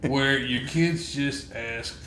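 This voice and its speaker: A man's voice: mid-range voice, takes it slowly, pushed and bright. A man on a casual podcast chat, blunt and wry, cursing freely. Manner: blunt, swears a lot, wry. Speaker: podcast co-host. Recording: echoey room with faint background noise.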